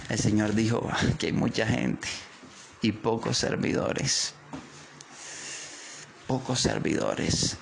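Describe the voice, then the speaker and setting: Gravelly Colombian coastal preacher man. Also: medium pitch, a little hiss or hum. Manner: fervent, repetitive, drawn-out emphasis. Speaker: pastor. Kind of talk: devotional preaching.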